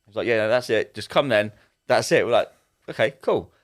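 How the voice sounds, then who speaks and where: Young male podcast co-host, rapid rambling storyteller. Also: fairly low pitch. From England. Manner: rambling anecdote with many restarts. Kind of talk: casual chat.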